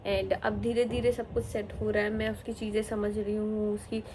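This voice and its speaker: A woman's voice: mid-range voice, little pitch movement, moderate pace, dark tone, slight background noise, low-quality recording. A young woman, a new mother, talking candidly and emotionally to camera in a casual vlog. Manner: emotional, candid, mixes English into her talk.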